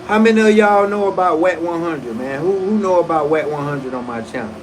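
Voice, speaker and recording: Guy in his 40s on a livestream, kinda high-ish voice, slangy and cussing, keeps restarting his sentences. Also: expressive, brisk, a little hiss or hum, poor audio. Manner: loose, profane slang with frequent restarts. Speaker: livestream host. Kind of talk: casual livestream commentary.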